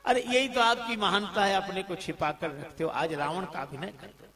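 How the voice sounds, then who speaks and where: A man voicing village men who plead with and flatter a simple shopkeeper. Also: sits high, moderate pace, over music. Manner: coaxing, flattering.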